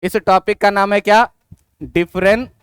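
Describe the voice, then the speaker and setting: A man's voice: sits high, steady tone, moderate pace, smooth, no room sound, clean studio sound. A man teaching physics in a classroom lecture. He asks his students questions, answers them himself and keeps checking that they follow.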